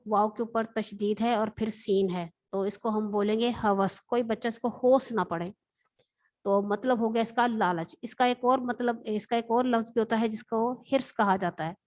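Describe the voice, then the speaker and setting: A woman teacher from Pakistan, giving a patient, explanatory vocabulary lesson and repeating words slowly. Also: fairly high pitch.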